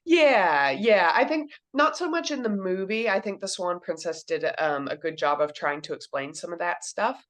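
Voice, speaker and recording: Woman, 30s, from Kentucky, low-pitched author answering thoughtfully for a young interviewer. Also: animated, moderate pace, few pauses, a bit bright. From Kentucky, USA. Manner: thoughtful, explains things simply to a child. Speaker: children's book author.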